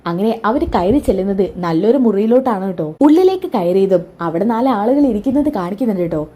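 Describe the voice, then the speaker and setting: A woman's voice: mid-range voice, animated, a little fast, warm tone. A woman retelling a TV serial episode in a chatty storytelling way, full of little tag words. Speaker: serial recap narrator.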